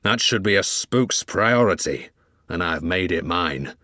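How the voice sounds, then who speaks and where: A man reading aloud plays a drunk, bitter older witch hunter who speaks slowly with a gruff, slurred delivery. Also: low-pitched, animated, pushed and bright, no echo, studio quality, pitched below the performer's own voice, full character voice. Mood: grim.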